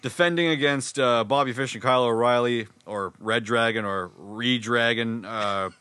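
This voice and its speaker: A man's voice: medium pitch, moderate pace, bright, forceful tone, smooth, no echo. A man co-hosting a casual podcast chat, swearing freely and laughing often. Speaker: podcast co-host.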